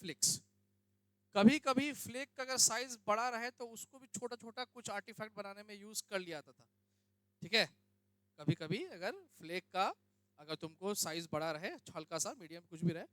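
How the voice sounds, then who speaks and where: High-voiced male teacher quizzing his class. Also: fairly bright tone, no echo. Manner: questions students, addresses them as beta; conversational, checks understanding often. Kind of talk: classroom lecture.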